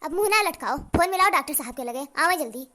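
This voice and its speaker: A woman voicing a scolding, foul-mouthed old village mother in a cartoon, with a rural eastern Uttar Pradesh accent, shouting and bossy. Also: high voice, animated, fast talker, voice pushed down. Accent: eastern Uttar Pradesh rural dialect. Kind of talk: cartoon voice acting.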